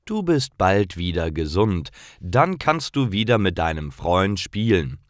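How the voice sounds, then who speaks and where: A man voicing a caring mother, gentle and worried, speaking slowly and clearly in a softly raised voice. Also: sits low, sing-song, dry recording, clean studio sound.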